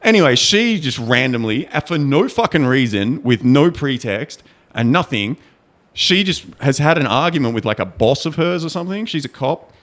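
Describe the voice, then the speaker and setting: A podcast co-host in casual talk, a man with an ordinary mid-pitched voice. He tells the story with energy, laughing and swearing as he goes. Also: expressive, normal speed, a bit bright. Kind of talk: casual chat.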